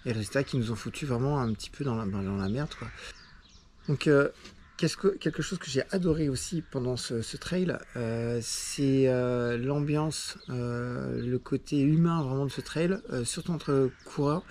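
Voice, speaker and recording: A man's voice: medium pitch, normal speed, a little mellow, slight background noise. Casual male trail-running vlogger, rambling delivery full of fillers, outdoor handheld recording. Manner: chatty, rambling with many fillers. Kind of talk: casual vlog chat. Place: outdoors after a race.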